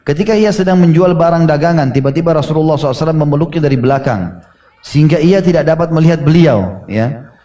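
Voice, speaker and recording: Fast-talking preacher, dark voice. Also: male voice, fairly high pitch, far from the mic. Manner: lively storyteller acting out quoted voices, frequent "ya" fillers. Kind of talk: sermon retelling hadith stories.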